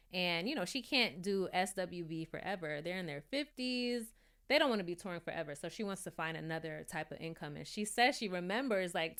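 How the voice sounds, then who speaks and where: A woman's voice: mid-range voice, fairly bright tone, smooth. Chatty New York woman reviewing TV. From New York City. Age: 30s. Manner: chatty, candid, laughs easily. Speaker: YouTube TV show reviewer. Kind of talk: casual review chat.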